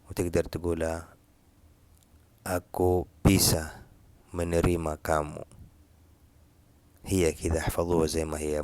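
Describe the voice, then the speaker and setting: A man teaching a casual spoken language lesson, explaining slowly and repeating each example phrase. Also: low-pitched, a little mellow, dry recording.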